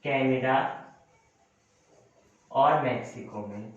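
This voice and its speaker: A young man teaches a coaching lesson in a classroom lecture style, his medium-pitched voice drawing out words. He repeats points, corrects himself, and addresses students as friends. The mic is distant in a very echoey room, giving a dull sound with a little hiss or hum.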